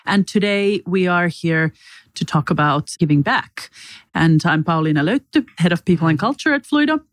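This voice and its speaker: A woman's voice: lowish voice, animated, moderate pace, no room sound. A woman hosting a company podcast and introducing her guests in a friendly, upbeat way. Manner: friendly, upbeat, many short affirmations. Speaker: podcast host, head of people and culture.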